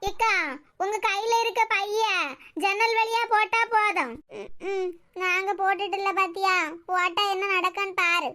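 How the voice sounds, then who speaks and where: A woman's voice: steady tone, bright, forceful tone. A woman with a Kanyakumari Tamil accent voicing all the quarrelling village women of a cartoon short. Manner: quarrelsome, rapid banter in high cartoon voices. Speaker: cartoon voice artist.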